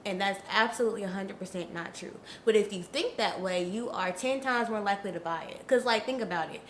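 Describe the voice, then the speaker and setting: Talking fairly quickly at medium pitch, a young woman with a cold-blocked nose shares candid, conversational hair tips directly with her audience. She's a natural hair vlogger making a casual advice video, recorded in an echoey room with slight background noise.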